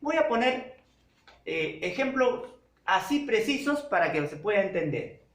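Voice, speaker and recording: A man teaching a secondary school language class, speaking slowly and deliberately, repeating key terms and checking in with his students. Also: sits high, big pitch swings, fairly bright tone. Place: classroom with a whiteboard. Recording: echoey classroom.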